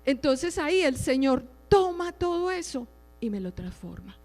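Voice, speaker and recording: A middle-aged woman gives a religious talk in a fairly high voice, speaking conversationally and often asking her listeners "right?". Her voice rings with a long hall reverb. Soft music plays faintly underneath. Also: very animated, unhurried. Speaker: lay preacher giving testimony. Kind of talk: religious teaching with personal testimony.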